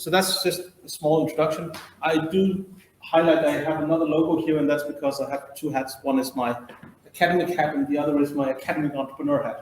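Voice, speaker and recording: A man's voice: fairly high pitch, slight background noise. A middle-aged man who grew up in India, giving a training lecture and explaining his ideas as he thinks them through. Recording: roomy echo.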